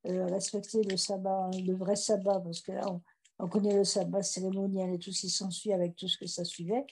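A woman's voice: medium pitch, flat delivery, fairly quick, darkish tone, husky. A woman joining a casual Bible study discussion over an online voice chat, hesitant, with many fillers and restarts. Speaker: study participant.

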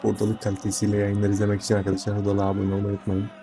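A football commentator and channel host calls a live match, often repeating players' names and short phrases. His fairly low, mellow voice races along in a monotone. Music and crowd noise sit behind him.

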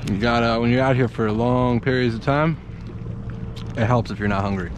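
A relaxed man in his thirties talks slowly and easily as he fishes from a kayak on open water. His voice comes through a head-mounted action camera with plenty of wind and water noise. He chuckles often as he talks. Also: medium pitch. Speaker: fishing vlogger. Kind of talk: casual on-camera commentary. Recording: windy outdoor action-cam audio.

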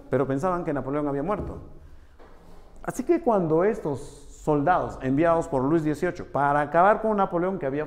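A man teaching a history lesson, asking questions and answering them himself, often repeating a tag phrase, swinging from raised to low murmured pitch. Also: darkish tone. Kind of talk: classroom history lecture. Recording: long hall reverb.

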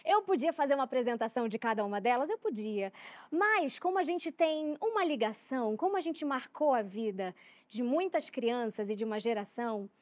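A Brazilian woman in her thirties hosting a talk show, excitable and moved, her voice shaking with emotion. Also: fairly high pitch, brisk. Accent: Brazilian Portuguese. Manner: tearful, excitable, trembling with emotion. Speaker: host.

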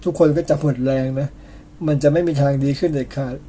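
A Thai storyteller's voice is on the high side, steady in tone, mellow and fairly quick, with slight noise behind it. He narrates an old epic chattily, tagging sentences with polite particles and dropping in personal asides.

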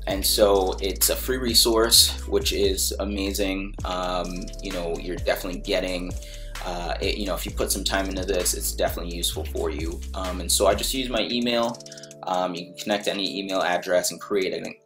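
A music producer from Barbados casually walking through a screen-recorded design tutorial, with many ums and restarts. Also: male voice, low voice. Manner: relaxed, full of ums and restarts.

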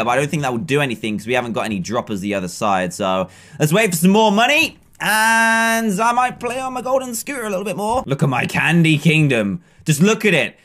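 A young English man rattles through gameplay commentary with bright, bouncy excitement, breaking into laughs and exclamations. His voice sits a touch high for a man, close to a desk mic in a small room. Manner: upbeat, exclamatory, laughs often. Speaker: gaming video host. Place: small room, webcam corner.

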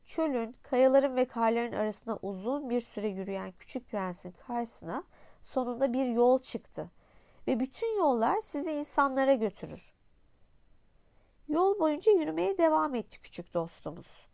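A woman narrating an audiobook in a calm, even storytelling manner. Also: a little high, normal speed, gravelly, dry recording.

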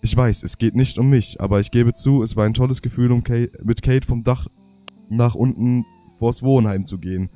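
A young man with a cold and a half-blocked nose reads game diary pages aloud for his let's play, stumbling over words and correcting himself. His mid-range voice is warm, with fairly even intonation and a moderate pace. Faint music plays behind him.

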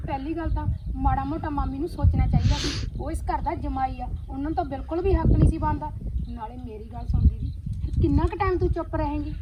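A woman's voice: sits high, lightly acted. A woman with a Punjabi accent in a village drama, talking bluntly and scolding a cousin. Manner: blunt, scolding, rapid-fire advice. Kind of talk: Punjabi short film drama acting. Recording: distant, dull, noisy outdoor sound.

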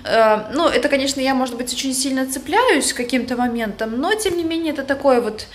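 A travel agency vlogger, a young woman with a high-pitched, expressive voice, briskly walks viewers through a hotel room and out across the resort grounds. It's a chatty, casual tour shot on a phone camera at arm's length, with plenty of fillers and self-corrections.

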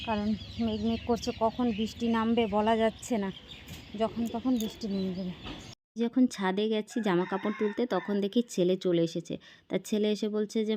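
Hoarse middle-aged woman, chatty voice-over. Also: mid-range voice, a little mellow, a little hiss or hum. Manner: chatty, addresses viewers as friends. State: hoarse from a cold. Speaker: vlogger. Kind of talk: voice-over narration of a daily vlog.

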